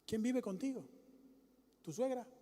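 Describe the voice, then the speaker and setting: A man preaching a sermon with emphatic, repetitive lines that rise to loud exclamations and drop low again. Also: animated, a little slow, big-room sound.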